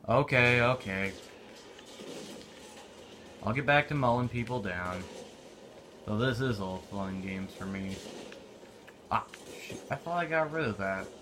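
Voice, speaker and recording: A man's voice: fairly low pitch, lively intonation, unhurried, long pauses, sharp tone. Young man casually narrating a war game. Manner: offhand, talks to himself while playing. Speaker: gameplay commentator. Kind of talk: casual gameplay commentary. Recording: noisy game audio behind.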